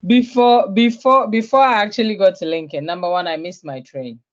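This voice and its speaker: A woman's voice: medium pitch, moderate pace, dull audio. A young woman from Ghana, a guest in an online interview, introducing herself in a friendly way with many filler sounds and easy laughter.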